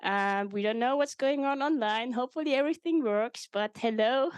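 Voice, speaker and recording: A woman's voice: fairly high pitch, moderate pace, clean tone, no room sound. A woman who founded the event, welcoming a live audience in a frank, self-mocking way and laughing often. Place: event space at a meetup.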